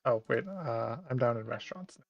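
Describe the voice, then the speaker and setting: A man's voice: mid-range voice, lively intonation, moderate pace, gravelly, no echo, dull audio. A man streaming casually, thinking aloud as he works through his notes. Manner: thinks aloud while working.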